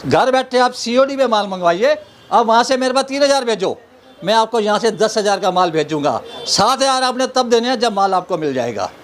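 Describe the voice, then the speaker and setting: Male shop seller, high register, insistent teleshopping patter, noisy recording. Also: expressive, a little fast. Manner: insistent, repetitive showman-like patter. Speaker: wholesale clothing seller. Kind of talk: eager teleshopping-style sales pitch. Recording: clear background noise.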